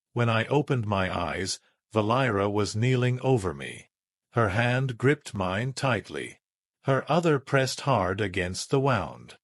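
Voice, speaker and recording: A man tells a first-person sci-fi action story in a measured, dramatic way. He takes his time, and his pitch rises and falls freely across each sentence. The recording is dry and close, with no room sound. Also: no room sound. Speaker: narrator.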